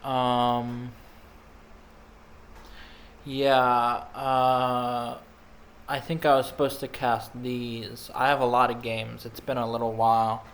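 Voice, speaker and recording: A man's voice: medium pitch, level tone, slow pace, long pauses, slight background noise. A man giving casual, rambling commentary over video game replays, chatting while he snacks. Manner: rambling, laid-back, snacking while talking.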